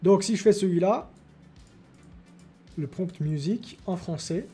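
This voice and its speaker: Mellow male tech video host. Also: high voice, measured pace, faint music behind. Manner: explanatory, many fillers. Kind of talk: casual tech demo.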